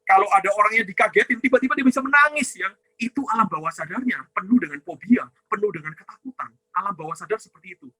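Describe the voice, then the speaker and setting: A man with a high, very bright and forceful voice gives a ministry teaching talk. He poses rhetorical questions and answers them himself, dropping a questioning "ya" after nearly every phrase. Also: fast talker, breathy edge, dry recording, rough recording. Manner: asks and answers his own questions, tags lines with "ya"; addresses listeners as "saudara". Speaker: ministry teacher on inner healing.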